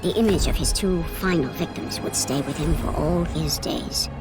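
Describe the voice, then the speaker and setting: An actress playing a solemn, portentous narrator of a Greek epic in a video game, with deliberate dramatic emphasis. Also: female voice, low-pitched, lightly acted. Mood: ominous. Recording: loud dramatic music underneath.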